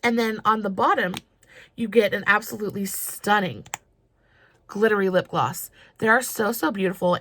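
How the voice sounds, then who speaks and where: A woman's voice: medium pitch, fairly bright tone. Gushing woman doing makeup. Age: 30s. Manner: chatty and gushing, with fillers. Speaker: makeup vlogger. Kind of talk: casual makeup tutorial.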